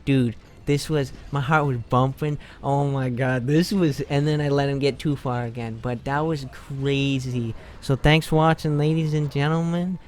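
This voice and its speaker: A man giving a voice-over commentary on his own gameplay, excitable, swearing casually and acting out his reactions. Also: medium pitch, moderate pace, hardly any pauses, a little hiss or hum. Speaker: gaming video creator.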